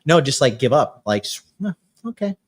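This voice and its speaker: Brash, boastful male podcast host, late thirties, animated delivery. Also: fairly high pitch, normal speed. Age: 30s. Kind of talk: casual podcast chat.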